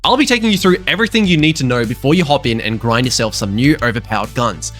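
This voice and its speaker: A man's voice: medium pitch, fast, faint music behind. A young man with a sick voice narrating a game update video in a playful, joking way. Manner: playful, joking, animated delivery. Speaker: gaming YouTuber.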